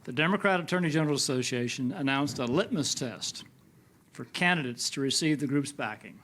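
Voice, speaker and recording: A man's voice: medium pitch, animated, fairly quick, fairly bright tone. A man moderating a political panel, addressing the panelists and putting questions to them.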